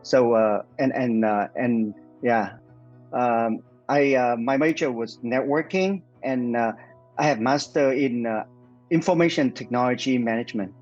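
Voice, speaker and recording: A man's voice: mid-range voice, measured pace, a little mellow, highs cut off, soft background music. A man in his forties from Vietnam with a Vietnamese accent, a nonprofit founder answering interview questions with many fillers and restarts.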